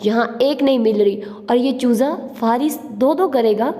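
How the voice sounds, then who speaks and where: A woman reads out a cheeky young man trading insults with his friends, voice slightly high and mellow. The lines come teasing and boastful, as banter in an audiobook. Light reverb hangs on the recording. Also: moderate pace, natural voice. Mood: ranting. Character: brash joking young man, cheeky and loud.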